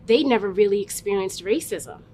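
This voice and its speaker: A woman's voice: brisk, dark tone. A woman telling personal stories as an interviewee in a thoughtful, conversational way. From Massachusetts, US, West African parents. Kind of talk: reflective personal storytelling. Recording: noticeable background noise, low rumble.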